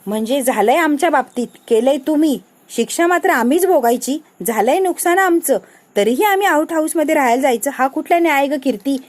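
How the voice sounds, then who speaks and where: A woman's voice: sits high, brisk, close to an everyday voice. A woman reading the lines of a dramatic, self-pitying young woman from a TV serial in a complaining tone. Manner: whiny, complaining.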